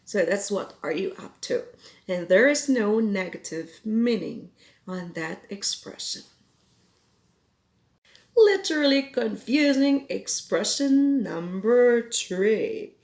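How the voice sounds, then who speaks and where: Recorded at home in Ireland, this lesson features a Filipino woman from the Philippines, a native Cebuano speaker, unpacking English expressions. She goes slowly, quoting example phrases, and her mid-range voice is animated, creaky, and slightly mellow.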